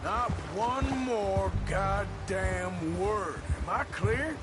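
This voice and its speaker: An actor playing a threatening, dryly mocking Old West outlaw with an American Western drawl in a video game. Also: male voice, high-pitched, very animated, measured pace, heavily acted. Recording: loud music behind the voice.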